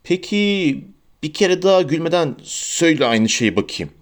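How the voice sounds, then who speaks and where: An exasperated teenage boy wizard in an audiobook, his voice pitched up high and sharply impatient, as a male narrator puts him on. He sounds quick-witted and fed up, and he raises his voice when things get out of hand. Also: big pitch swings.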